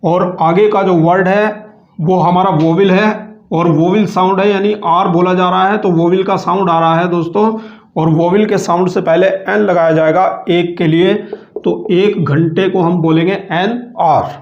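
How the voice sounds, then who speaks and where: High-voiced man teaching grammar, echoey. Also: steady tone. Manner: patient, repeats slowly, calls viewers friends. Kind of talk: grammar lesson. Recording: echoey room, dull lo-fi sound.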